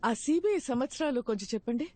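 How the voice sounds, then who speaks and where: A woman's voice: sits high, animated, quick pace, over music. An actress playing a composed senior woman officer on an interview panel. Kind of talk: Telugu film dialogue.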